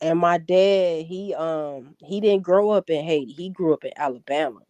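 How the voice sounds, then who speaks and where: Her voice is low and warm, moving at a moderate pace; the recording is muffled, with no room sound. Born in Florida and raised in Chicago, she has a Chicago accent with a hint of the South, laughing frequently and repeating words as she begins while chatting casually as a guest.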